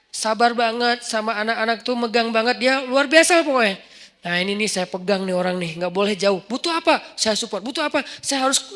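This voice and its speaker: A man preaching in a casual, storytelling sermon, acting out dialogue with sudden jumps in pitch. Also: pushed and bright. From Indonesia.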